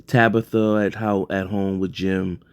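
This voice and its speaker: A man's voice: sits low, level tone, a little slow, smooth, no echo. A man casually recapping a TV episode, rambling loosely with lots of fillers and self-corrections.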